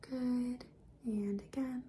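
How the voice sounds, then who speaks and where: A woman in a whispered role-play as a caring doctor, speaking softly and breathily with gentle reassurance. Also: fairly high pitch, steady tone, slow pace, a little hiss or hum. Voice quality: breathy, soft. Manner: soft-spoken, gentle, reassuring, half-whispered. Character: caring, reassuring female doctor giving a check-up. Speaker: ASMR performer playing a doctor.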